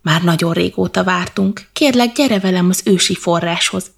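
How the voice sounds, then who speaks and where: A woman's voice: fairly low pitch, vocal fry. A woman voicing a small, cheerful, eager male badger in a children's storybook. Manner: excited, exclaiming. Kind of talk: storybook character voice.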